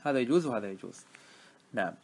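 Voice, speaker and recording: A middle-aged man teaching a grammar lesson. He explains step by step, checks understanding with short questions and recites verse lines slowly. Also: medium pitch, expressive, gravelly, slightly rough.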